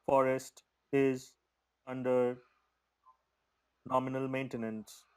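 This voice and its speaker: Guy doing a calm ship computer voice, mid pitch, short formal reports. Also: slow, smooth, natural voice. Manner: clipped, formal status reports. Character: calm starship computer, flat and even. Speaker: game master.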